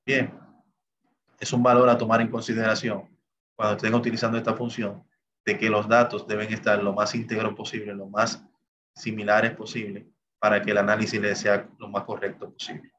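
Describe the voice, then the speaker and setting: A fairly low-pitched man speaks flatly at normal speed, teaching a recorded Excel class over screen share and narrating each step the software takes. He frequently says "bien" and "entonces," and the recording has cut-off highs and a noisy background.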